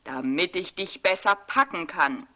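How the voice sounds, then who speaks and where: A woman's voice: fairly low pitch, expressive, unhurried, pushed and bright. A woman voicing a sly, greedy male wolf in a fairy tale.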